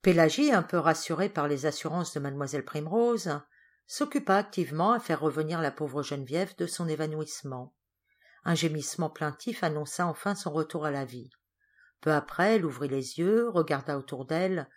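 A woman narrating an audiobook of a classic novel in a calm, steady, clearly articulated way. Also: sits low, moderate pace. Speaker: audiobook reader. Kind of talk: scripted narration.

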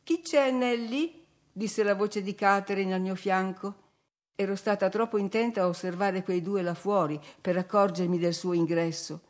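Woman audiobook narrator, middle pitch, measured and expressive literary reading.

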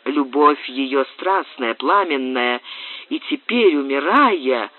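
A man reading the part of an imperturbable, cold-blooded doctor in an audiobook, speaking calmly. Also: medium pitch, slow pace, dry recording. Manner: calm, unruffled. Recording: tinny, dry, phone-like audio.

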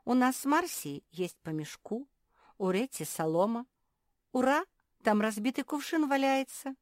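A woman voicing a cheerful, sensible female dog who talks briskly and wryly. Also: a little high, lively intonation, no echo, studio quality, pitched above the performer's own voice.

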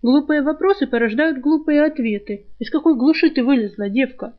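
A mocking, spiteful talking rat from a storybook, forever needling the girl who carries him, put on by a woman reading the book aloud. The voice sits fairly high. The recording sounds dull and lo-fi. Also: close to an everyday voice. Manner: mocking, spiteful, quick with insults. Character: sly sharp-tongued male talking rat, sick and bound.

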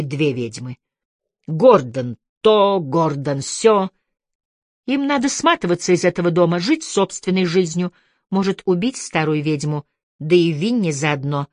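A woman narrating a literary audiobook in a measured, expressive way. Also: deep voice, no room sound, clean studio sound.

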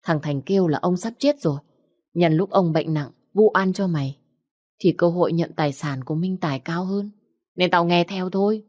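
A woman's voice: fairly low pitch, normal speed, a little mellow, dry recording, studio quality, natural voice. A woman reading a story aloud, voicing a blunt, hot-tempered older sister who speaks coarsely. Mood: confessing.

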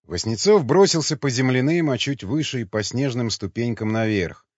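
Man reading an audiobook dramatically, husky, dry dull recording. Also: mid-range voice, normal speed, dry recording. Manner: dramatic, expressive. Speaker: audiobook narrator. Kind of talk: expressive audiobook narration.

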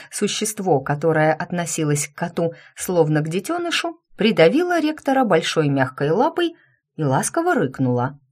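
A woman narrates a first-person fantasy novel in a deep, low voice. Her reading is lively and carries a mocking edge when the heroine speaks. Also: husky. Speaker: audiobook narrator.

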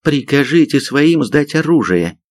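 A man's voice: medium pitch, very animated, normal speed, no echo, pitched above the performer's own voice. A man voicing a young female army sergeant who shrieks commands in an audiobook. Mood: shrill commanding.

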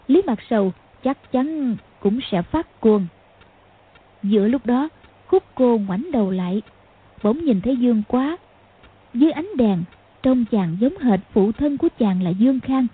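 A woman narrating a martial arts novel as an audiobook, with a steady, measured reading. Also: on the high side, husky. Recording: phone-like lo-fi sound.

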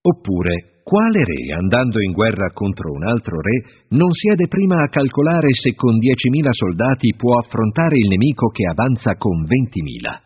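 A man reading scripture aloud in a solemn, measured way, his phrases rising and falling. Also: lowish voice, very animated, breathy edge. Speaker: Bible reader. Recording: tinny phone-like sound with long reverb.

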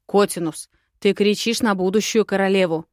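A dragon prince from an audiobook, calm and firm, settling a quarrel with quiet authority, voiced by a woman. His voice is held level and dry, never rushed. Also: medium pitch, no echo, lightly acted. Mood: calm, stern.

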